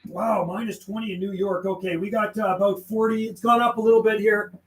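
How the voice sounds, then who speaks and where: Mixing radio calls with slangy livestream talk, this radio operator uses call signs and phonetic codes. His high-pitched voice stays flat and fairly quick, in a roomy space with clear background noise.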